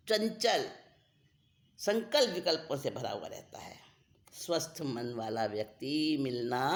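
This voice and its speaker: A spiritual teacher giving a scriptural discourse, deliberate and repeating key phrases for emphasis. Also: medium pitch, fairly bright tone.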